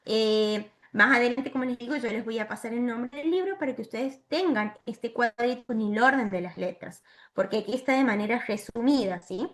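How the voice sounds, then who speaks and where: A woman giving a virtual training lesson to teachers, explaining step by step and often checking in with a quick "¿sí?". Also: a little high, a bit bright.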